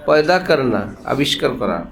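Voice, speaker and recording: A man's voice: medium pitch, very animated, a little slow, creaky, a bit bright, slight background noise. A man giving a sermon, conversational and joking, laughing as he teaches. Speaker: Islamic preacher. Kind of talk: sermon with humorous anecdotes.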